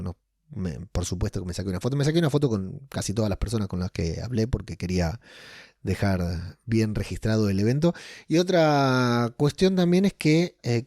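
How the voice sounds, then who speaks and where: A man's voice: fairly low pitch, dark tone, dry recording, clean studio sound. A man with an Argentine accent, rambling casually as a podcast host with many fillers and restarts. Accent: Argentine Spanish. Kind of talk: casual personal monologue.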